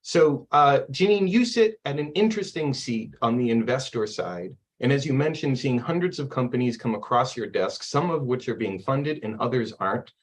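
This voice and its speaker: A man's voice: mid-range voice, animated, normal speed, few pauses. A man moderating a panel, polite and organized as he hands over to speakers and sets out questions. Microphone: video call.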